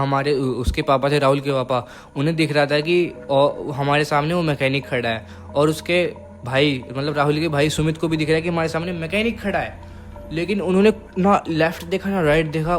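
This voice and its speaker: Telling a horror story in a casual way, a young man whose voice leans high uses repeated phrases for suspense and lowers his voice to a whisper-like hush.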